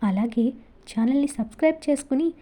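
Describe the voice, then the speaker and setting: A woman's voice: sits high, fairly quick, dark tone. A woman reading a scripted channel outro, politely appealing to listeners. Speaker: channel narrator.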